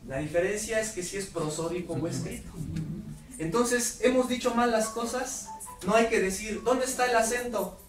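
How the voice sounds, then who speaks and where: A man giving a lively workshop lecture to teachers, putting questions to the audience. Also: sits high, normal speed, faint music behind. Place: lecture hall. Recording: roomy hall audio from far off, faint noise.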